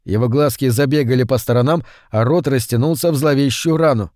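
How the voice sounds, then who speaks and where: Narrating a horror audiobook, this man keeps a calm, even pace at a middle pitch. The sound is close-miked and dry, with no echo at all.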